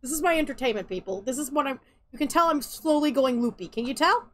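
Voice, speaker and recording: A young woman streams a video game in casual let's-play style, ranting sarcastically and swearing freely over the cutscenes. Her voice is high and fairly bright, and she talks fast. Game music and cutscene audio play behind her.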